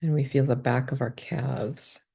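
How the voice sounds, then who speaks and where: A woman leads a body scan meditation through calm, gentle steps. Her very low voice is gravelly, with a mellow, dark tone, and she speaks slowly without any hurry.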